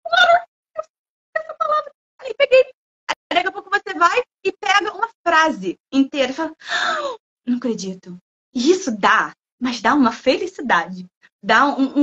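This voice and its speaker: A woman from Brazil, a guest speaker who talks in a lively, playful way and acts out imagined students' lines. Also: high-pitched, lo-fi sound. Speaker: guest speaker, language school head. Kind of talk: lively talk in a livestream.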